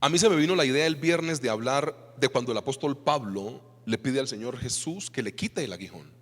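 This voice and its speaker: A man with a Colombian Spanish accent preaches to his congregation in a lively, swooping voice. He keeps throwing rhetorical questions at them, and his voice rings out through a reverberant church hall. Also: mid-range voice, fairly quick. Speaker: pastor. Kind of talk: sermon.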